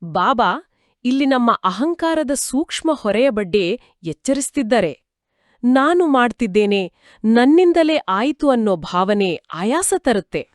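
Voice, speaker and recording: Calm, expressive woman co-host. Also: on the high side, unhurried, dry recording, clean studio sound. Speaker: podcast co-host. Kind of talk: scripted spiritual discussion.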